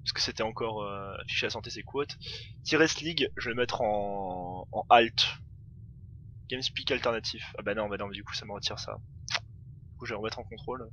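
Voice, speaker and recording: A man's voice: fairly low pitch, brisk, fairly bright tone, slight background noise. A man giving casual let's play commentary, chatty and thinking aloud, laughing often. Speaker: gameplay commentator.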